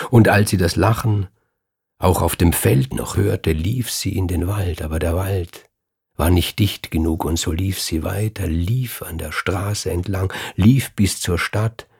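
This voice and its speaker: A very low, husky male voice reads a dark fairy tale aloud. He takes his time, measured and unhurried. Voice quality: gravelly, husky voice. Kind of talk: storytelling narration.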